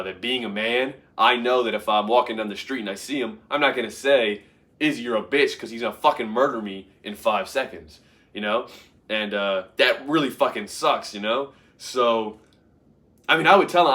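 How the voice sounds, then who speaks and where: A man's voice: mid-range voice, sharp tone. A young man talking casually and profanely, rambling and laughing as he rants about fights. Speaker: MMA commentary YouTuber. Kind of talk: casual rant to camera.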